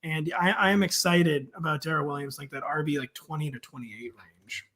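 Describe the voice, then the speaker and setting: A man's voice: on the high side, steady tone, moderate pace, fairly bright tone. A man from the St. Louis suburbs talking fantasy football in a casual chat, full of "like" fillers.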